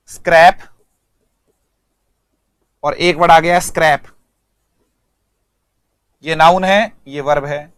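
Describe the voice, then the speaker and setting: A man's voice: sits high, a bit bright, clear, resonant tone, no echo, clean studio sound. A male English teacher giving an online vocabulary lesson, speaking, repeating words and quizzing students.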